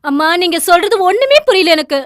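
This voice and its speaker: A woman's voice: very high voice, animated, fast, dry recording. An actress playing a spirited young college woman who speaks forthrightly and lectures her friend, in film dialogue. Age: young adult. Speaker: college student.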